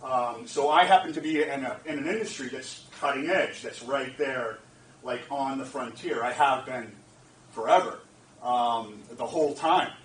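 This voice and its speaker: A man's voice: medium pitch, normal speed, a bit bright. A man in his forties from the Boston area, giving an informal, rambling talk to students as a guest speaker, with frequent restarts and asides to the audience. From Boston area, USA. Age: 40s. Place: lecture room. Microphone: far 360 camera. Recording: echoey room, distant mic, faint background hum.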